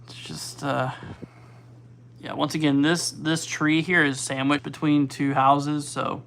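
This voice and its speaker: A man hosting a live weather stream, giving casual, halting commentary as he thinks aloud and reads out figures. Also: fairly high pitch, little pitch movement, creaky, fairly bright tone, slight background noise. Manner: informal, halting, thinking aloud while looking things up. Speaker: weather livestream host.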